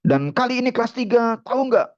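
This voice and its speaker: A man's voice: sits high, lively intonation, moderate pace, dry recording, lo-fi sound, voice pushed up. A man playing an angry army father who scolds his lazy son in coarse slang. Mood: scolding. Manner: shouting, coarse Betawi slang.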